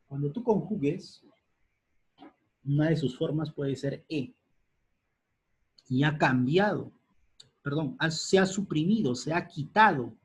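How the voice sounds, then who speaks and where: A man teaching a grammar lesson at a board, spelling out letters and repeating key words deliberately. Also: on the high side, husky.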